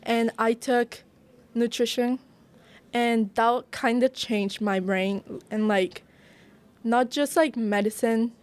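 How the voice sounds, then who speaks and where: With a fairly high voice and a slow pace, a young culinary arts student talks earnestly as an interview guest, sprinkling in many "like" fillers. She was born in Brazil and grew up in Japan, and the interview is casual.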